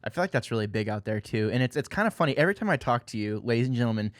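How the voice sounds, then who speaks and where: A man's voice: medium pitch, expressive, very fast, no room sound. A man hosting a casual gaming podcast, talking in a rambling, friendly way with lots of fillers. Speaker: podcast host.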